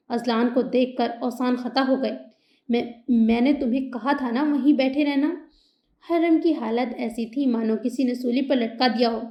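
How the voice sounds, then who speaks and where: Woman narrating a romance novel, echoey and muffled. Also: a little high. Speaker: audiobook narrator.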